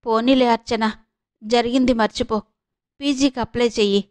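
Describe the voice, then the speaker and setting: A woman's voice: on the high side, fairly even intonation, normal speed, a little mellow, clear, resonant tone, close to an everyday voice. Brief: a woman reading a hesitant young man, earnest and pleading, storybook voice.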